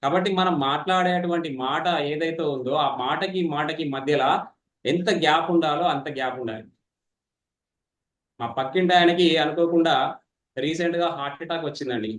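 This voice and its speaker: A man runs an online public speaking class. His voice sits a bit high and the words come quickly. He is animated and teases his students, and the room gives his voice a roomy echo. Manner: fast, animated, teasing participants. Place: online meeting.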